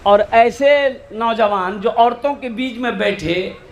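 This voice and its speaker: Brief: male preacher, high-pitched, unhurried delivery, eastern Hindi dialect, funny stories with acted-out voices. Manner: sings verses slowly, acts out characters in dialect. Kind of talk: humorous sermon storytelling.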